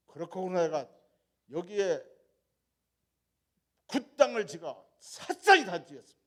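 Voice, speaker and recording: Gravelly-voiced deacon telling a story. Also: male voice, on the high side. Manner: animated storytelling that swings between loud and soft. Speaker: church deacon giving a testimony. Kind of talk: storytelling testimony at a prayer meeting.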